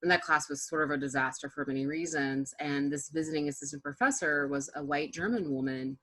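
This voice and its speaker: Lively lower-voiced woman telling a story. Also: brisk. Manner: animated, laughing anecdote with restarts. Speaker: panelist. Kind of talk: panel discussion storytelling.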